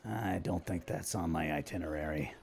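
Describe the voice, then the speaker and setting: Casting: man acting undead tabletop villain, deep and husky, offhand, evasive, politely awkward. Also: moderate pace, a little mellow, heavily acted.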